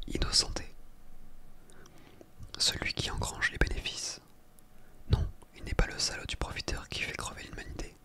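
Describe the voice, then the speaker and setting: An ASMR reader reads a book aloud in a soft library whisper, now and then stumbling over words and correcting themselves.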